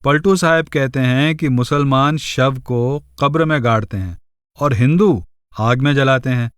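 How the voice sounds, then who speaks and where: A man narrating a spiritual audiobook in a measured way, reciting verses slowly in a chanting cadence. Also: mid-range voice, a bit bright, clean tone, no echo, clean studio sound.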